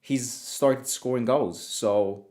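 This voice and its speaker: On a casual livestream, an Italian football fan channel host reads out viewer comments in a slow, mid-range, slightly mellow voice. His talk is chatty but broken up, with frequent restarts, self-interruptions and repeated words.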